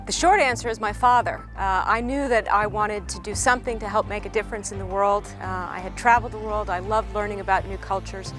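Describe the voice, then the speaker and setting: A woman diplomat gives a clear and direct answer. Music is plainly audible behind her voice. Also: mid-range voice, fairly even intonation, fairly quick, few pauses, fairly bright tone. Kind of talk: interview answer.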